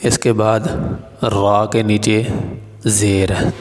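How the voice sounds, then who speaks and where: A man teaching Quran reading step by step, naming letters and vowel marks and then slowly drawing out each syllable. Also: on the low side, flat delivery, long reverb tail. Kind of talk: step-by-step recitation lesson.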